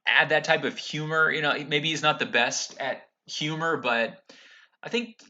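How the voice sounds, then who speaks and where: A man hosting an unscripted talk about golf, with halting, reflective phrasing. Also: a little high, bright, forceful tone, lo-fi sound. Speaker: host of a golf commentary show.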